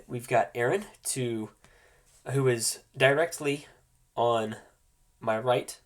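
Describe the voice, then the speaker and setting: Stuffed up and nasal from a cold, a medium-pitched man hosts a tabletop roleplaying game as game master. His explanations come out casual and stop-and-start.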